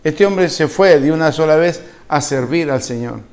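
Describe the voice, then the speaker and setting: A man's voice: on the high side, moderate pace, darkish tone. A man with a Venezuelan accent preaching a sermon as pastor. He tells the story with animation, asks the congregation questions and acts out the people in it. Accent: Venezuelan Spanish. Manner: acts out the quoted speakers with a shifting voice.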